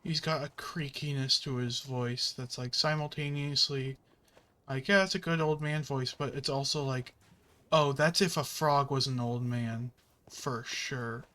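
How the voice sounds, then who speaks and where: A man's voice: medium pitch, steady tone, measured pace, sharp tone. A man chatting casually while playing a video game, rambling with many fillers and the odd curse at the game. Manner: swears at the game. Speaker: gaming channel host.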